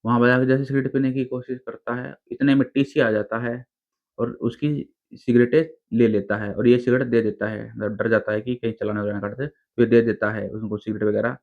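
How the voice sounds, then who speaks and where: A man's voice: medium pitch, little pitch movement, fairly quick. Storyteller, male, casual chatty horror narration, phone-quality tinny audio. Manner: informal, chatty retelling in plain speech.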